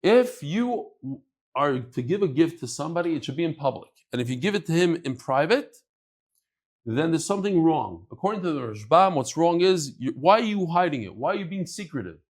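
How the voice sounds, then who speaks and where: This man's voice sits fairly high and has a sing-song lilt, moving along briskly. He leads a daily Talmud class, blending English with Aramaic and Hebrew terms, answering his own questions and acting out the text's speakers.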